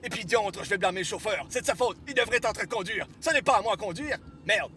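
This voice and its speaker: A man's voice: high voice, lively intonation, quick pace, bright, forceful tone. A man playing a vain, boastful and incompetent millionaire in a comedy sketch, pompous, whiny and theatrical. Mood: outraged. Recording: roomy echo, faint noise.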